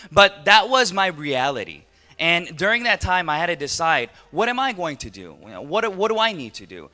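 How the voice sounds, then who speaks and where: A man in his thirties from Los Angeles, speaking with an American accent and a fairly high pitch, gives a motivational business talk as a network marketing entrepreneur. He's an animated storyteller who acts out dialogue and throws rhetorical questions at his audience.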